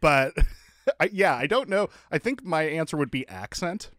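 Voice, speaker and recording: A man co-hosting a casual podcast, wry and joking, with quick comebacks. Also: fairly high pitch, expressive, a bit bright, no echo, clean studio sound. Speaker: podcast co-host.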